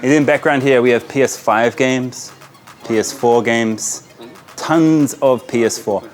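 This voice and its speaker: A man's voice: medium pitch, a little slow, faint music behind. An enthusiastic, chatty man from New Zealand vlogging casually on location, mixing in Urdu greetings and interjections. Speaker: vlogger, host. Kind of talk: casual on-location vlog commentary. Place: inside small game shops in a Pakistani market.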